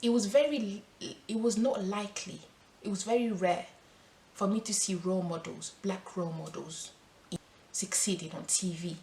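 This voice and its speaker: Mellow and medium-pitched, this French woman talks at a normal speed, vlogging earnestly to camera. After reading statistics she switches to unscripted talk, emphatic and earnest, with some restarts. The recording has a roomy quality and faint background noise.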